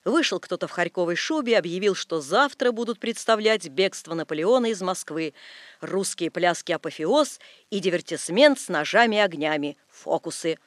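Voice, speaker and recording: A man narrating a literary tale aloud with expressive, lively storytelling. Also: sits high, normal speed, no room sound.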